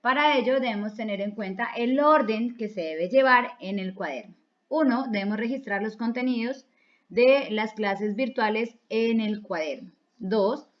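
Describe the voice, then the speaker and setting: A woman's voice: on the high side, moderate pace. A woman from Colombia teaching a recorded online English class, explaining each step patiently and repeating key words in two languages. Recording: dull lo-fi recording.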